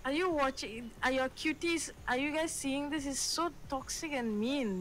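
A woman's voice: sits high, normal speed, fairly bright tone, slight background noise. A woman with an Indian accent chatting playfully as a gaming teammate, mixing English with Hindi. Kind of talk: casual playful teasing.

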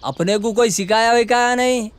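A man's voice: very high voice, normal speed. An actor with a Hyderabadi accent playing a brash, boastful man who bankrolls and stars in his own film. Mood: swaggering. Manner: swaggering, brash, bossy. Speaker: actor playing a boastful rich producer-hero. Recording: film soundtrack with loud background music.

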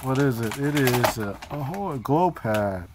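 A man's voice: medium pitch, lively intonation, a little slow, very noisy. A middle-aged father filming a family vlog in a cruise ship cabin, talking in an easygoing way as he guides his son. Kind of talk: casual vlog chat.

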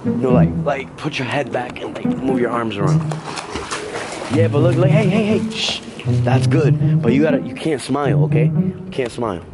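A young man hosting a casual prank vlog at home beside a backyard pool. He rambles on, looping back over the same points and padding them with fillers. Loud music plays behind his voice the whole time. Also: mid-range voice, expressive, moderate pace. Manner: rambling, repeats himself with many fillers. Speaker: prank vlogger.

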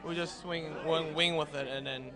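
A man's voice: a little high, normal speed, music in the background. Joking man with a slight accent. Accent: slight foreign accent. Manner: playful deadpan jokes. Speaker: interviewee, singing contestant. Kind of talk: joking red-carpet chat. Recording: crowd noise behind.

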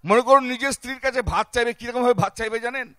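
A man's voice: very high-pitched, fast, bright, forceful tone, no echo, clean studio sound. A man doing live stand-up comedy on an outdoor festival stage, chatting to the crowd and checking in with them over and over. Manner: chatty, keeps checking in with the audience.

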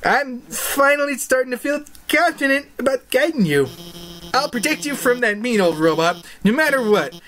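A woman's voice: high voice, sing-song, normal speed, fairly bright tone, voice pushed up, rough recording. A woman voicing a nervous, stammering female lizard scientist who guides and reassures. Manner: stammering, hesitant.

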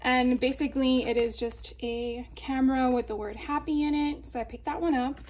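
A woman's voice: high voice, fairly even intonation, moderate pace, a little mellow. A woman in a casual haul video, talking chattily with fillers and little laughs while showing craft supplies at a table. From Florida. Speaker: craft vlogger. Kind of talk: casual haul show-and-tell. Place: indoors at a table.

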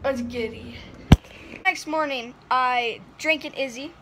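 Heavy background noise surrounds a young woman's high, unhurried voice as she vlogs about her trip, chatty and giggly. She records on a phone held at arm's length, in a hotel room and a car.

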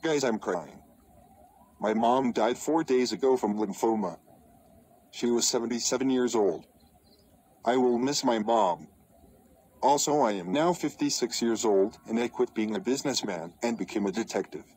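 A man voicing a bratty boy in a cartoon who grows into an old man, with a whiny, flat delivery. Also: mid-range voice, normal speed, slight background noise, lightly acted, rough recording. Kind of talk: cartoon voice acting.

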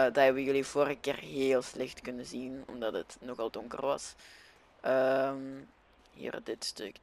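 A young Flemish man commentates casually on a video game. His voice sits fairly high for a man, and he talks slowly, feeling his way hesitantly through his sentences. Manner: hesitant, searching for words. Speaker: gaming video host.

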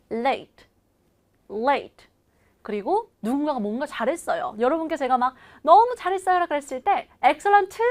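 A woman teaching an online English lesson, coaching viewers to repeat after her and slowing right down to model each phrase. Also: high-pitched, a bit bright.

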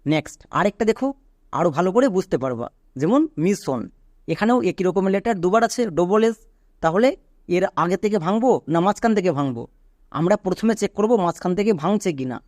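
A man's voice: high voice, lively intonation, brisk, darkish tone, dry recording. A man teaches English pronunciation step by step. He keeps asking questions and then answering them himself. The recording is close and dry, with no room sound. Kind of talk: spoken lesson.

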